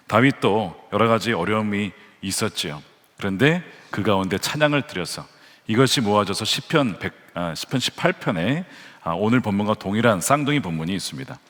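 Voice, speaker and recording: A man's voice: on the low side, fairly bright tone. A man preaching a Sunday sermon as pastor, earnest and building to fervent emphasis when he quotes scripture. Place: large church sanctuary. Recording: long hall reverb from church sanctuary.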